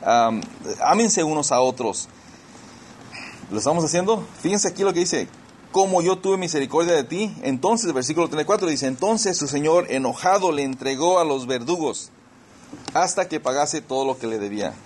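A man with a somewhat raised pitch preaches a sermon and walks his listeners through a Bible passage one verse at a time. He stresses key words by repeating them and turns to the congregation as brothers and sisters. A faint hiss sits under his voice. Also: lively intonation, moderate pace, a little mellow. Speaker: pastor.

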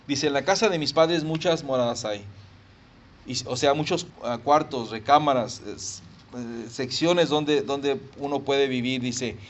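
A male pastor preaching a sermon and praying, animated and emphatic, acting out voices and sounds. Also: on the high side, dull audio. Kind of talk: sermon and prayer.

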